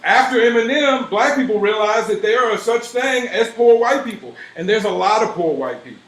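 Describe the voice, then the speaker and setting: A man's voice: high-pitched, lively intonation, moderate pace, a bit bright. A male radio show host who needles his guest with sarcasm and keeps pushing back. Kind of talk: provocative interview banter. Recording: roomy studio echo.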